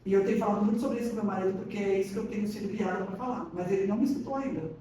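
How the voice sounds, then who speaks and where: A woman's voice: mid-range voice, racing, noisy background. A woman, a podcast guest giving a casual faith testimony and acting out the quoted dialogue in her stories. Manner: animated storytelling, acts out quoted dialogue. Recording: echoey room, mic at a distance.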